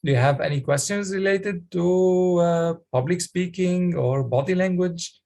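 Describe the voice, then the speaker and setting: A man coaching public speaking on a video call, talking haltingly with many fillers and restarts. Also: high voice, gravelly, darkish tone. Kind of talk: online coaching session.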